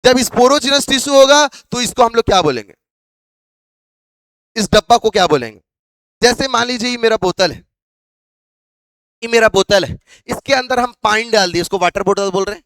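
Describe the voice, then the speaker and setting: A man's voice: very high-pitched, lively intonation, normal speed, pauses often, fairly bright tone, no echo. A male biology teacher lecturing a class, asking questions over and over to drill his students.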